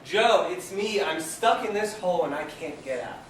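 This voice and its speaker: A man voicing a desperate man stuck in a hole, calling loudly for help in a pleading voice, in a spoken parable. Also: a little high, fast, natural voice. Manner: loud, pleading calls for help. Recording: echoey room, mic far off, background noise.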